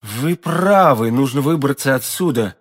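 A man's voice: mid-range voice, animated, unhurried. A man voicing a proud, ardent young nobleman in love, speaking with fervent declamation. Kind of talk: audiobook character voicing.

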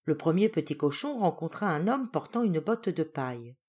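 A woman narrating a traditional fairy tale as an audiobook reader, in an expressive storytelling way. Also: deep voice, moderate pace, husky. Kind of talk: storybook reading.

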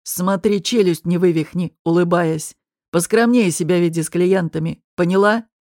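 A woman voicing a cold, cruel male gangster boss who threatens in a low hiss in an audiobook. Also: normal speed, a little mellow, no echo, clean studio sound, close to an everyday voice. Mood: menacing.

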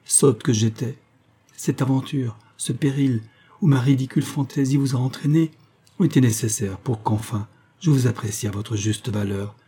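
A man's voice: mid-range voice, moderate pace, warm tone, breathy edge, close to an everyday voice. A man reading aloud, voicing a tender young actress who speaks earnestly and with emotion. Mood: emotional.

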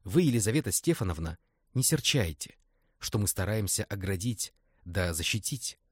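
A man's voice: lowish voice, lively intonation, normal speed, breathy edge, no echo, clean studio sound. A man reading aloud and voicing a thrifty, earnest war veteran with old-fashioned speech.

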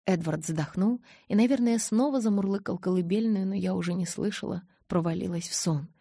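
Husky-voiced woman narrating an audiobook. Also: medium pitch, a little fast, mellow, no room sound, studio quality. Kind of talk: first-person audiobook narration.

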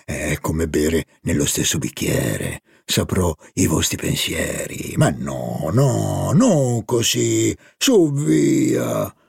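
A man reading the part of a fussy, flirtatious aristocratic baron in an audiobook, pitched a little lower than his narration. The voice is dark and gravelly, with a dry, close sound and soft, intimate delivery. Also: lively intonation, extremely slow, few pauses, no echo, heavily acted. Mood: fussy, teasing.

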